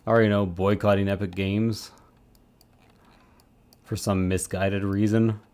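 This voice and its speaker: A man's voice: lowish voice, flat delivery, slow pace, a little mellow. A man chatting casually on a live stream while he works, rambling with self-mocking asides. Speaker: streamer supporting 3D print models.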